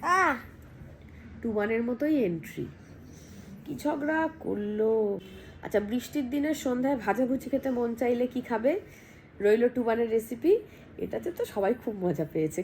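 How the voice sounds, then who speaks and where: Hoarse woman vlogger. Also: fairly high pitch, expressive, normal speed, a little mellow, slight background noise. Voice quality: husky, gravelly. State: hoarse from a cold. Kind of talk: casual vlog chat, reading viewer comments.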